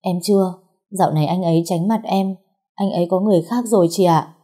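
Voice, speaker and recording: A woman's voice: on the low side, fairly even intonation, a little fast, warm tone, lightly acted. A woman voicing a tearful, pregnant young woman who pleads with her older sister. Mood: tearful pleading. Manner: sobbing, pleading.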